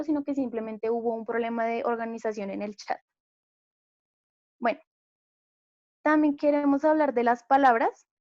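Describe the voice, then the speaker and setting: High-voiced Colombian young woman presenting. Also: no room sound. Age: young adult. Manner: explanatory, many fillers like eh and pues. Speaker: student presenter. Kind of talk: class presentation. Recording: dull lo-fi recording.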